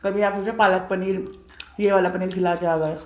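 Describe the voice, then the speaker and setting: A woman's voice: fairly low pitch, steady tone, moderate pace, a little mellow. A young woman, a new mother, chatting casually to her viewers while eating on a home mukbang vlog. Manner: chatty, addresses viewers directly. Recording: roomy echo, faint noise.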